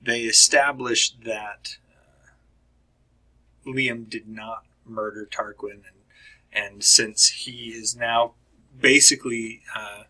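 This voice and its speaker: Slow, halting man reviewing a book. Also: mid-range voice, steady tone, sharp tone, rough recording. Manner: halting, many fillers and restarts; clears throat often. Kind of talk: casual spoken book review.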